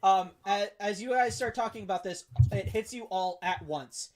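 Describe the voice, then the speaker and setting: A game master running a tabletop game, narrating in a relaxed way and calling for rolls. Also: medium pitch, moderate pace.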